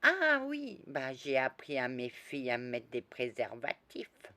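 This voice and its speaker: A woman casually tells a long personal story about past lives, rambling in a lively way with asides, doubling back and restarting sentences. Her voice is very deep yet bright and forward, and she takes her time at a measured pace. The recording is dry, with no room sound.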